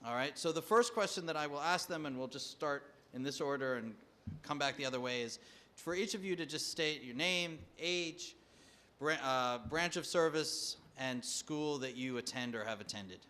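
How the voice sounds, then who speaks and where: A man's voice: on the high side, moderate pace, pushed and bright. A man moderating a panel discussion, speaking conversationally with frequent fillers. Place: conference hall.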